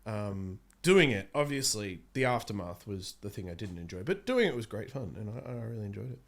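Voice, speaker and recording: Fairly low and gravelly, this man's voice swings widely in pitch and moves fairly quickly. He's a voice actor in his thirties being interviewed, chatting loosely, wandering off topic and interrupting himself. A close podcast microphone picks him up in a small indoor studio.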